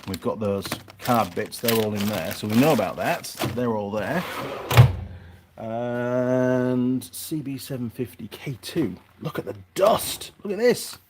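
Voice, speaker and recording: This mechanic vlogger's mid-range voice is expressive and measured as he rambles casually through his workshop, muttering, hesitating, and wandering off topic. Clicks and the rustle of parts make the recording noisy.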